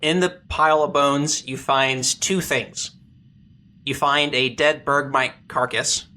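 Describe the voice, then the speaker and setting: A game master narrating a comedic tabletop game, describing scenes in plain detail and pausing now and then to search for words. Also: medium pitch, fairly even intonation, pushed and bright, slight background noise.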